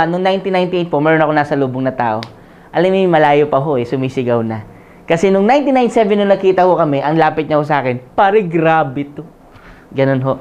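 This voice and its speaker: A man's voice: fairly high pitch, darkish tone. A man in his forties giving a live seminar talk, joking and often asking the audience to agree. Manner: conversational, asks the crowd "Tama?" often; jokes and laughs while telling his story. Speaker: motivational speaker.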